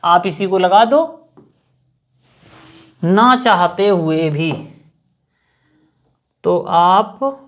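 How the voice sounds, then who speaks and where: A woman teaching English grammar in Hindi, slowly repeating example sentences word by word. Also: fairly low pitch. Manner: slow, repetitive, spells out example sentences word by word.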